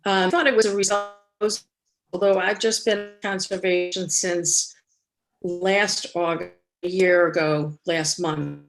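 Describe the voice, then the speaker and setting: A woman chairing an online public meeting, talking haltingly and apologizing while her video call connection keeps cutting out. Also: fairly low pitch, steady tone, rough recording. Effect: unstable video call connection cutting out.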